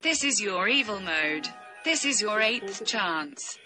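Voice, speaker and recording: A woman's voice: medium pitch, animated, takes it slowly, over loud music. A woman acting out a computer error character, threatening and growling, speaking in broken, simple English. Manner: threatening, counting down warnings with growls. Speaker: VTuber.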